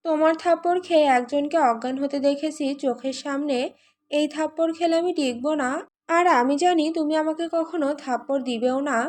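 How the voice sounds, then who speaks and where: A woman's voice: sits high, normal speed, a little mellow, close to an everyday voice. A woman reading an audio story, voicing a playful, teasing young woman who talks back to her brother. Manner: teasing, pouty.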